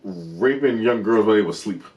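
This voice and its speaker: A man's voice: on the low side, expressive, brisk, a little mellow. A man co-hosting a TV review show, chatting casually, eagerly talking over his partner and calling him bro. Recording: roomy, distant from the mic.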